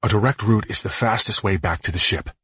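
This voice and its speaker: A gruff, terse man answers in curt, snappish bursts, voiced by a man reading an audiobook. His voice sits low and a little husky. It is recorded dry and close, with no room around it. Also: a little fast, fairly bright tone, dry recording. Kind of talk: audiobook character voice.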